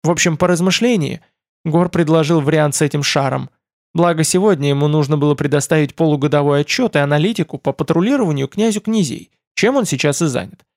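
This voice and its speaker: A man's voice: a little high, quick pace, a little mellow, no room sound, studio quality, lightly acted. Man voicing a clever, bold young woman. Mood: explaining.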